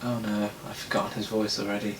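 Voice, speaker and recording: Dry low-voiced man in an echoey room. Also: flat delivery, fast. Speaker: host reading old scripts. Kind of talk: comedy sketch. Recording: echoey room with faint rumble.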